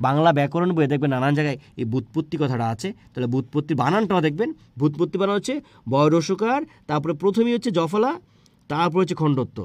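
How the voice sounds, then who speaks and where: A man's voice: on the high side, fast, a little mellow, dry recording. A man teaching a spelling lesson for exam preparation, asking his students questions and answering them himself.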